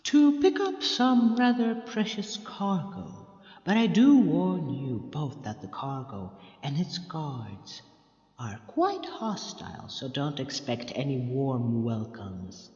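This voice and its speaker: A man's voice: mid-range voice, sing-song, darkish tone. Man playing the Master, wildly swooping scheming villain. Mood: sly, ominous. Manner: theatrical, teasing, drawn-out phrasing. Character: mad, scheming male Time Lord villain, theatrical and sly. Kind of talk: audio drama acting. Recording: echoey room, long reverb, dull lo-fi sound.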